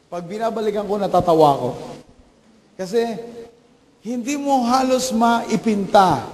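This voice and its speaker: Male pastor, middle-aged, high voice, animated storytelling sermon, long reverb of a church hall. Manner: animated, acts out quoted voices. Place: church sanctuary.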